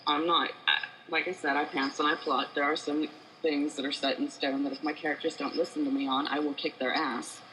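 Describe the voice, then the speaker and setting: A woman with a bright, forceful voice chats loosely as a podcast guest. She rambles easily and laughs now and then. A faint hiss sits under her voice. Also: deep voice, level tone, a little fast, low-quality recording. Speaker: guest author. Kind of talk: casual podcast chat. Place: home room with cats and girlfriend.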